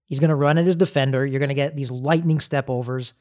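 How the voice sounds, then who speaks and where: A man's voice: medium pitch, fairly even intonation, fast talker, darkish tone. A man hosting a casual sports podcast, upbeat and chatty, laughing easily. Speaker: podcast host.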